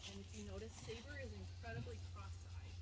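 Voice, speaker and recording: A woman's voice: fairly high pitch, fairly even intonation, quick pace. A woman giving an informal, explanatory tour talk to a group, as a guide at a wildlife sanctuary. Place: outdoors among animal enclosures. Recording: very noisy outdoor tour recording.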